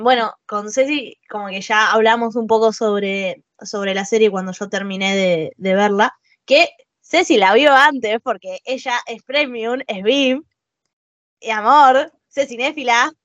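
A woman's voice: a little high, a little slow, fairly bright tone, no echo. A young woman with a Rioplatense Spanish accent, co-hosting a podcast from home in playful, teasing casual chat. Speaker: podcast co-host. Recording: dull, dry lo-fi remote audio.

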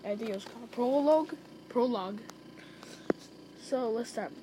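A woman's voice: fairly high pitch, steady tone, quick pace, heavy background noise. Chatty woman reading her own story. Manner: chatty, with restarts and asides. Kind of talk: casual read-aloud storytelling.

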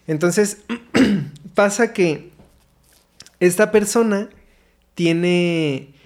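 A man's voice: sits high, very slow, darkish tone. A young man with a Mexican accent tells a story in casual chat. He swears a lot, uses heavy slang and acts out what people said. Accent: Mexican Spanish.

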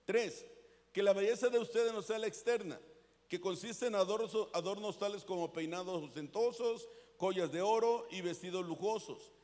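A high-pitched Mexican man preaching from the pulpit, earnest and chatty, calling on the congregation to answer. His voice carries a long, echoing hall reverb. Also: moderate pace, a little mellow. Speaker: pastor. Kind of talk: sermon.

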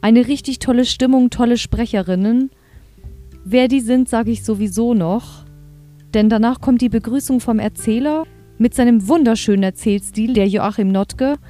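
A woman's voice: fairly high pitch, warm tone. A woman hosting a podcast, chatting enthusiastically as she reviews an audio drama episode. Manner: chatty, enthusiastic, reads quotes aloud. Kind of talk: casual chat.

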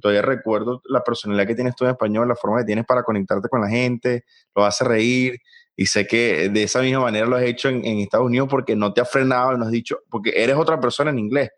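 A man's voice: medium pitch, steady tone, fast. Male interviewer, reflective. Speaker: host. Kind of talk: casual interview talk.

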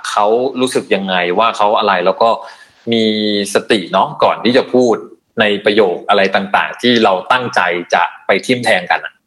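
A man's voice: on the low side, moderate pace, a bit bright. A man on a podcast as an HR guest, talking bluntly about work and acting out bosses in a casual chat. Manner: blunt, acts out bosses with laughs.

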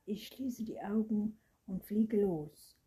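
Storybook boy vampire, mocking and hissy, breathy whispers; a woman reader voices him. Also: mid-range voice, takes it slowly, mellow, pitched above the performer's own voice. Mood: teasing. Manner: hissing, teasing, often whispered. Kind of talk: storybook reading.

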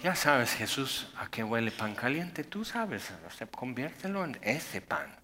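A man preaching a sermon, animated, swinging from loud bursts to hushed intensity. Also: mid-range voice, a little slow, noisy background. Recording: long hall reverb.

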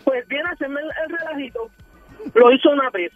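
A woman with a Puerto Rican accent calling in to a radio show and telling a lively story. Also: high voice, brisk, faint music behind. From Puerto Rico. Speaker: caller. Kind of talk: phone-in story. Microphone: telephone. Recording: muffled phone line.

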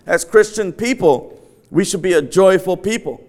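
A man's voice: high-pitched, animated, moderate pace, darkish tone. Middle-aged man preaching to an empty sanctuary. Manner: earnest, repeats key phrases, chuckles between points. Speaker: pastor. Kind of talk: sermon.

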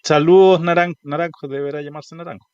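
A man's voice: fairly high pitch, fairly even intonation, fairly quick, a little mellow, smooth, no room sound, muffled recording. A man with a Chilean accent co-hosting a live radio show, teasing his partner in casual chat. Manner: teasing, playful.

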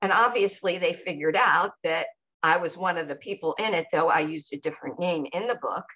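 A woman co-hosting a podcast, sharing her personal experience in a reflective, measured way and pausing to search for words. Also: fairly low pitch, fairly bright tone, highs cut off. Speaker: podcast co-host.

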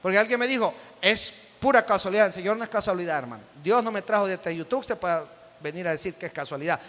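A man's voice: high voice, animated, quick pace, a bit bright. A man with a Salvadoran accent preaching a sermon as pastor, joking with the congregation, acting out everyday scenes and calling out to them. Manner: calls out to the congregation. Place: church hall. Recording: echoey hall with long reverb.

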